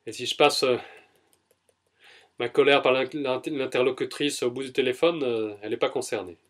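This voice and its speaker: Man, mid-pitched, EFT tapping self-demonstration; short repeated first-person lines, emphatic then calmer. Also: normal speed. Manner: emphatic and exasperated; softer and more settled. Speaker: EFT practitioner.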